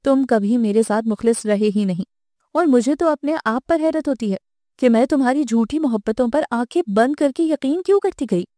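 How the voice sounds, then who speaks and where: Bitter young wife, voiced by the woman reader; mellow, dry, slightly high voice. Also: lively intonation, no room sound, natural voice. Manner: cold, cutting. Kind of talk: audiobook character voice.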